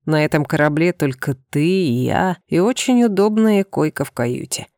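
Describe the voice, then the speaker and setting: A woman voicing a playful, seductive male alien with a tail, speaking low and intimately with a gravelly edge. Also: animated, normal speed, darkish tone, no room sound, clean studio sound. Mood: teasing.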